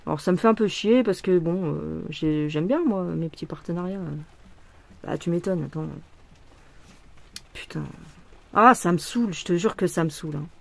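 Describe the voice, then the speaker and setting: Speaking at a moderate pace on the low side, with a creaky voice and frequent pauses, a woman vlogs casually as she stitches. She grumbles and swears, rambling through many restarts and fillers.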